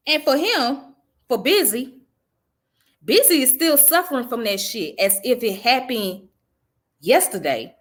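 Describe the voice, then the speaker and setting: A woman's voice: fairly high pitch, lively intonation, measured pace, long pauses. A woman who grew up in the American South, giving blunt, profane, conversational commentary on her own channel. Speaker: channel host. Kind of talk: casual commentary vlog.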